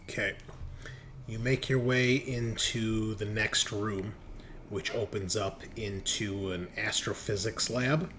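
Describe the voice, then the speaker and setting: Over a noisy background, a man with a lowish, steady voice narrates a tabletop roleplaying session as its game master. His scene descriptions come out in a halting, made-up-on-the-spot fashion.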